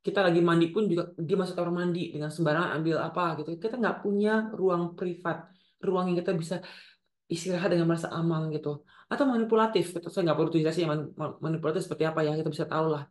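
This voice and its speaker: A woman's voice: fairly low pitch, fast, darkish tone, echoey room. A woman teaching at a women's ministry gathering, earnest and repeating key phrases for emphasis. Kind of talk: teaching talk at a church event.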